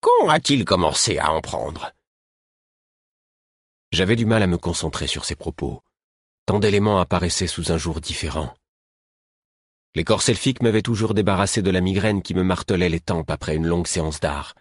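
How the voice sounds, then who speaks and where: Deep husky male narrator. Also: no room sound, studio quality. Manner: measured, lively storytelling. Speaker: audiobook narrator. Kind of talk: scripted narration.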